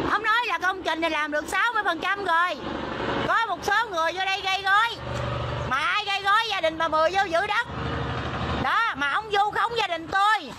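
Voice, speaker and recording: A woman's voice: very high-pitched, background noise. A middle-aged woman with a Southern Vietnamese accent from the Mekong Delta, pleading agitatedly in a livestream from a roadside near a school. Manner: agitated, pleading, repeats "there" to point things out. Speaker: protester livestreaming a land dispute. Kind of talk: impassioned livestream appeal. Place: outdoors by a road near a school.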